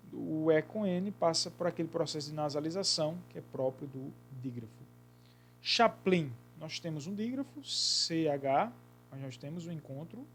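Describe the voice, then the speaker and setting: A man. He explains patiently and slowly repeats key words. Faint music plays underneath. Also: on the high side. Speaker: teacher. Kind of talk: grammar lesson.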